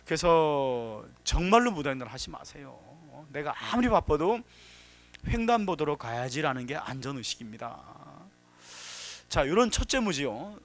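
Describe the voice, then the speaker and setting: Man, safety lecture, lively pitch swings, somewhat high voice, faint music behind. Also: moderate pace. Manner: storytelling, acts out quotes, emphatic warnings. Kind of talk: lively workshop lecture with anecdotes. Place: workshop hall.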